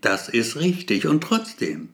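A touchy, pedantic man in a storybook, nervous and defensive, forever correcting the people around him, as a male reader voices him. His pitch swings widely as he insists on his point. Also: huge pitch swings, unhurried, a bit bright, heavily acted. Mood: insistent.

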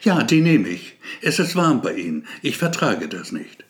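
A man's voice: mid-range voice, sing-song, moderate pace, natural voice. A man voicing an odd, nervous male patient who insistently corrects others and defends himself.

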